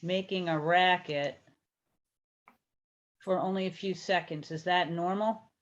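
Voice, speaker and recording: A woman's voice: on the low side, fairly even intonation, unhurried, highs cut off. A woman moderating an online library talk, friendly, reading out audience questions. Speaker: event moderator.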